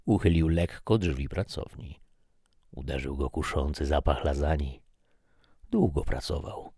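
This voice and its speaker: A man's voice: a bass voice, a little slow, dark tone, slightly rough, no echo, clean studio sound. A man reading a short story aloud as narrator, telling it expressively.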